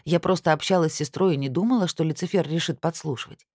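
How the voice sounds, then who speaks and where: A woman's voice: low voice, fast talker, darkish tone, no room sound, studio quality. A woman reading a first-person fantasy audiobook, narrating expressively. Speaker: audiobook reader.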